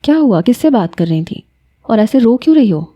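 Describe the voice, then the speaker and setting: Tender, reassuring male professor, read by a woman, soft and mellow. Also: medium pitch, lightly acted. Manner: gentle, soothing.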